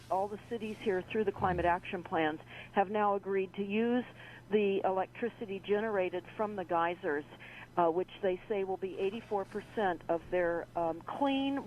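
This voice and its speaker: A woman calling in to a radio talk show over the phone, speaking in halting phrases full of fillers. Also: lowish voice, a little mellow. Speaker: call-in guest. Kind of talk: casual radio call-in talk. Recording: muffled phone line with faint hiss.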